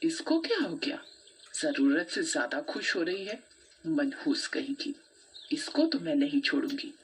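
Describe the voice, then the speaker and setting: A woman's voice: high voice, measured pace, a little hiss or hum, pitched above the performer's own voice, low-quality recording. A woman doing a spiteful jealous schoolgirl. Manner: spiteful muttering.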